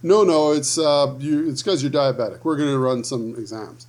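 A man's voice: medium pitch, normal speed, a little mellow. Profane storytelling man. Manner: profane storyteller, acts out quoted dialogue. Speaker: podcast co-host. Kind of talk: casual chat.

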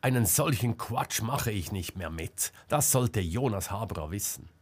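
A man's voice: on the low side, expressive, moderate pace, breathy edge. A man voicing a determined female reporter who confronts people bluntly and insistently, in an audiobook. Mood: indignant.

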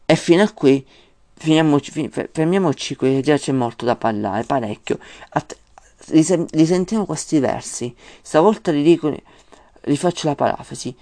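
A man's voice: a little high, lively intonation, normal speed, warm tone. A man teaching a lesson on a classic poem, explaining at length and often stopping to restart his words. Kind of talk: informal lesson.

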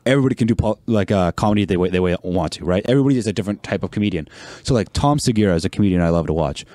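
Man, casual podcast guest, mellow dark tone, blunt rambling talk, dry close mic. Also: low voice, lively intonation, racing, no room sound. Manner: rambling, blunt, laughs often. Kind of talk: casual chat.

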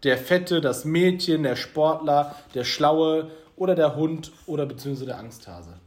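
A young man co-hosting a casual podcast, drifting into rambling, joking tangents. His voice sits a little high, and the room around him rings with echo. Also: lively intonation, measured pace. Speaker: podcast co-host. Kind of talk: casual chat. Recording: echoey room.

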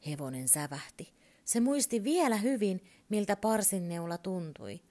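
A woman calmly and expressively reading a children's story aloud. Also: mid-range voice.

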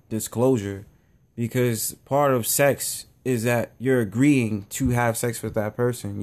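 A man's voice: mid-range voice, darkish tone. A young man hosting his own show, giving a casual, blunt opinion monologue that rambles and circles back on itself. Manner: rambling, blunt, repeats himself. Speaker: show host.

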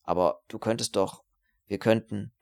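A man's voice: lowish voice, steady tone, moderate pace, vocal fry. A man voicing a selfish, cowardly young male student in an audiobook, pleading nervously and turning spiteful. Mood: wheedling. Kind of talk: audiobook character reading.

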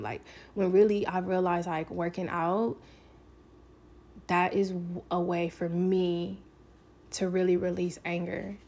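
A woman's voice: lowish voice, darkish tone, a little hiss or hum. A woman talking candidly to camera, telling a personal story in a casual, frank way, swearing freely and filling with "like".

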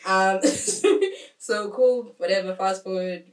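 A woman's voice: medium pitch, animated, slow pace. A young woman co-hosting a podcast, telling a dating story in slangy casual chat and laughing often. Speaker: podcast co-host. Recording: roomy, distant mic, faint noise.

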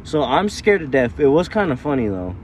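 A man's voice: mid-range voice, big pitch swings, a little fast, slight background noise. A young man chatting as a podcast guest in his own car, swearing freely and defending himself while he tells stories. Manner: defensive, storytelling, profane. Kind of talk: casual chat.

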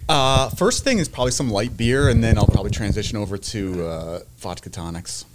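A man from New Jersey chatting casually in a halting, hesitant way. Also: lowish voice, very noisy. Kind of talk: casual chat.

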